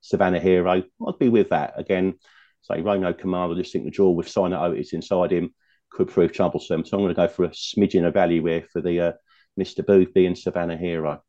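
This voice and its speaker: A male racing pundit talking fast and loosely about his picks, wandering into asides as he goes. His voice is low and mellow. The remote recording sounds dull and lo-fi. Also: level tone. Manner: chatty, rambling, full of asides. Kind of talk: casual betting chat.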